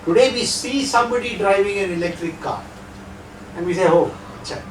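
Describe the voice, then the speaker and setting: An Indian guest lecturer, not a native Hindi speaker, gives a lecture with audience Q&A in Indian English, his voice sitting high and his pace brisk. He's conversational with rhetorical asides. The distant mic records echo from the hall and slight background noise.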